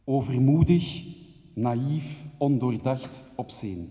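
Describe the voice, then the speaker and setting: A man's voice: mid-range voice, slow, warm tone. Man in an echoing hall. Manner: rhythmic, intense word lists. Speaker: theater maker giving a speech. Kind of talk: poetic spoken-word monologue. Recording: long reverb of a hall.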